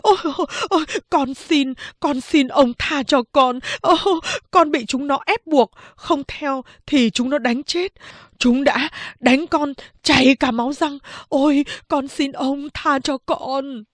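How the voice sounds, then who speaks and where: A woman's voice: high voice, slow, dry recording, pitched above the performer's own voice. A woman voicing a cowardly male village thug who whines and pleads in an audiobook reading. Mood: groveling.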